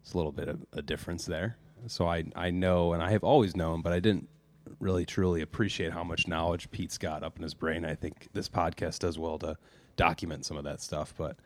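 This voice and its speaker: A man in his twenties, a golf coach, recapping a meeting in relaxed podcast chat with fillers. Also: low voice, brisk, hardly any pauses. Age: 20s. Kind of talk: casual chat.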